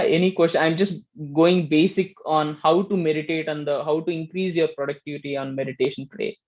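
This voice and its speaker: A man teaching meditation in a gentle, explaining way, often checking in with "right?". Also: a little high, lo-fi sound. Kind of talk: casual spiritual teaching talk.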